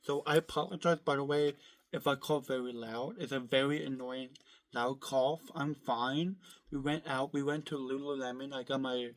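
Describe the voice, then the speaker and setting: A man vlogging at home in a rambling, casual way, his voice hoarse from being sick and his throat often clearing. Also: medium pitch, fairly even intonation, moderate pace. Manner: rambling, full of fillers and restarts. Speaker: vlogger showing his collection.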